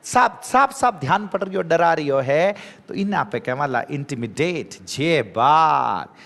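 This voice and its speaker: Guy teaching exam vocab, kinda high voice, spells stuff out, long reverby hall. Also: normal speed. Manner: lively, spells words letter by letter, drills with repeated questions. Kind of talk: energetic vocabulary lesson.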